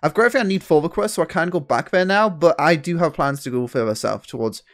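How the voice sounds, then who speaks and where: A male streamer with a slightly raised pitch chatters casually over his gameplay. He rambles, swears freely and keeps a laid-back tone, speaking into a headset mic from his home gaming room. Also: fast. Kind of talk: casual let's-play commentary.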